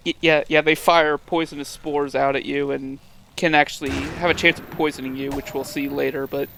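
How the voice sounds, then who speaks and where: A man hosting a video game let's play with casual commentary, explaining things in a hesitant, halting way. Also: a little high, level tone, vocal fry. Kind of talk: casual group gaming commentary. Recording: faint background noise.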